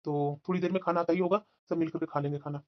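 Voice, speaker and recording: A woman voicing a gentle young married son in a cartoon story, soothing and persuasive. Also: fairly low pitch, fairly even intonation, racing, lo-fi sound, close to an everyday voice. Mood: coaxing. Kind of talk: cartoon voice acting.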